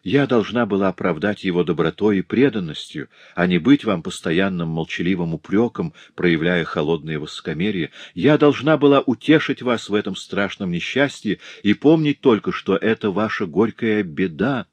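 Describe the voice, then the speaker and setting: A man's voice: sits low, expressive, normal speed, few pauses, husky, dry recording, dull audio. A man voicing a remorseful, devoted young noble wife in an audiobook, speaking earnestly and pleadingly. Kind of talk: audiobook reading.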